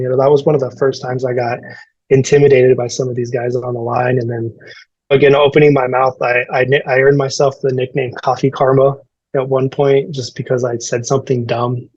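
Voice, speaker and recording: A man's voice: mid-range voice, a little mellow, no room sound, muffled recording. A man in his thirties from El Paso, Texas, a firefighter guest on a podcast, telling candid, self-deprecating stories and explaining how things work step by step. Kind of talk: podcast interview storytelling.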